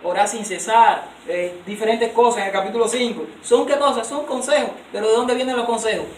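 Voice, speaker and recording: A man's voice: high-pitched, a little fast. A male preacher delivers an emphatic sermon, firing rhetorical questions at the congregation. His voice is picked up from a distance in an echoey hall, with faint noise underneath.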